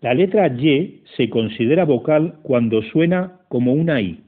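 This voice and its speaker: A man reading a scripted lesson in a slow, methodical way, counting syllables aloud. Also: medium pitch, expressive. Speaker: teacher. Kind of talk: scripted educational narration. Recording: tinny phone-like audio.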